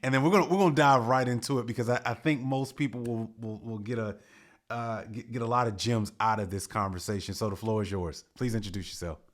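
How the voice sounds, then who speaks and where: Podcast host, man in his forties, mid-pitched, asks rambling questions and keeps restarting. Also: steady tone, quick pace. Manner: rambling, self-correcting questions. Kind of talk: conversational interview.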